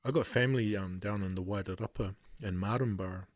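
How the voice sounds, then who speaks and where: A young New Zealand man with a low voice, captured close and dry. He talks like a laid-back frat bro, tossing slang into a casual podcast chat. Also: fast, no echo. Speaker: podcast host.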